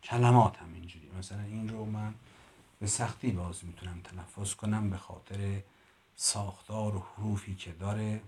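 A man's voice: lowish voice, steady tone, warm tone, a little hiss or hum. A man teaching a literature lesson. He reads classical prose aloud, explains it in plain speech, and stops to correct his own pronunciation. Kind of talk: explaining a classical Persian text line by line.

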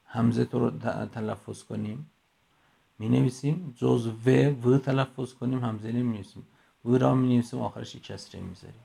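A man, middle-aged, teaching a class in a recorded voice message on a phone, explaining slowly and going through examples one by one. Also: mid-range voice, creaky, mellow, slightly rough. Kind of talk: recorded lecture.

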